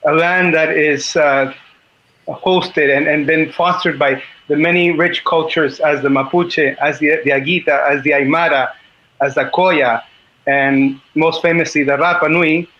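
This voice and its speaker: Chilean man, 50s, Spanish-accented English, tense bright tone, halting earnest guest on a dull call line. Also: on the high side, steady tone. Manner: halting, clears his throat often. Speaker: guest speaker on a group call.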